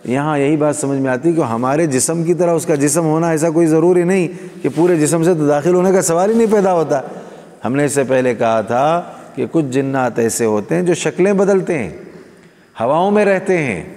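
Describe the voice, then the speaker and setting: A man's voice: a little high, a little mellow. A man preaching a sermon to a live gathering, asking rhetorical questions and speaking directly to the audience. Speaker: Islamic preacher. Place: gathering hall. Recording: long hall reverb.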